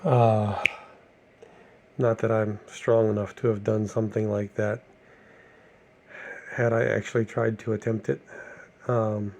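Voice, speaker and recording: Slow, gravelly-voiced man vlogging at home. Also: lowish voice, flat delivery, darkish tone, slight background noise. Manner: slow, halting, wry and self-deprecating. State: out of breath. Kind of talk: casual personal video diary.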